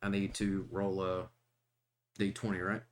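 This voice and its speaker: A man playing a tabletop role-playing game, talking in a halting way with many fillers and frequent laughs. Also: low voice, monotone, noisy background. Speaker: player.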